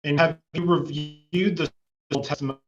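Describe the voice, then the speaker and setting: A man's voice: fairly high pitch, steady tone. A man, an attorney, formally questioning a witness over a video call whose audio keeps breaking up and lagging. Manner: formal, measured. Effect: choppy, laggy video-call audio that breaks up. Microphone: computer mic on a video call. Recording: muffled lo-fi video call with faint noise.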